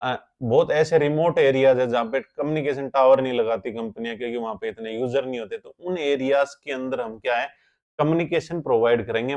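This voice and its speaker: A man's voice: medium pitch, a little mellow. A man teaching a current affairs lesson for exam students, explaining step by step and often asking questions before answering them himself. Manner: explains step by step, keeps asking rhetorical questions and checking with "theek hai?".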